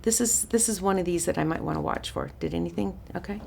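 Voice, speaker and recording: A woman with a raspy voice teaching a counseling workshop in a chatty, informal way, often restarting her sentences. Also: on the low side, fast, slight background noise. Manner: chatty, warm-hearted asides with frequent restarts and fillers. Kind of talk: informal teaching talk to a small group.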